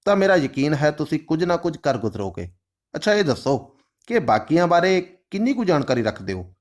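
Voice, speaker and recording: A man voicing a stern, formal male official who speaks in a measured, lawful way. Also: a little high, very animated. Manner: formal, measured, Urdu-flavored phrasing.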